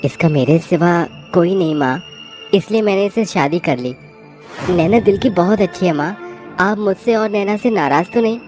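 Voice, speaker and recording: Brief: woman voicing an earnest young husband, pitched low, faint music behind. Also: moderate pace, darkish tone, natural voice. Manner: earnest, appealing. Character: earnest young husband, soft-spoken son.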